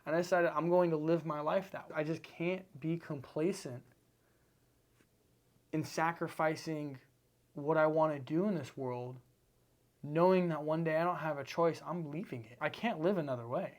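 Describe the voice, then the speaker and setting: A man's voice: a little high, normal speed. A man from Seattle, a podcast guest, talking earnestly in a casual interview with repetitive, emphatic phrasing. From Seattle, United States.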